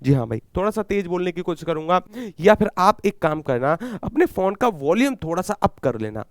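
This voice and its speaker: A man with a Haryanvi accent leads a live exam-prep class in a fairly high, clean voice. He fires questions at his students and answers them himself, repeating each key term. His throat is a little sore, and the sound is dry and close. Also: very animated, fairly quick, no echo. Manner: repeats key words, calls himself guruji. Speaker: Hindi exam teacher.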